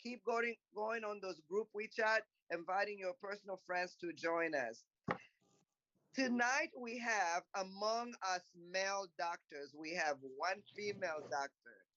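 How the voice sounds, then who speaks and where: A Congolese woman whose first language is French casually hosts and moderates an online panel, chatty and encouraging, thinking aloud as she types. Her medium-pitched voice is unhurried and a bit bright, and the recording is dry and muffled.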